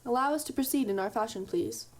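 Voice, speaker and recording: A woman's voice: fairly high pitch, quick pace, natural voice. A woman voicing unseen future beings who speak formally, with odd inflections. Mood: calm formal.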